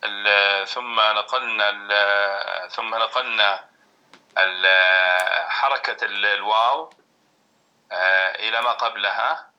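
A man answering his teacher in an online class, hesitant and halting, stopping often to restart. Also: on the low side, fairly even intonation, bright, forceful tone, clear, resonant tone, lo-fi sound. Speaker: student.

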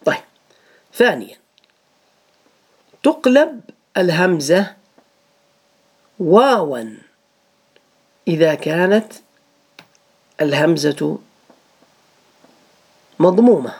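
A man's voice: on the high side, very animated, takes it slowly, long pauses, breathy edge. A man teaching a grammar lesson to students, patiently repeating each rule and asking them questions.

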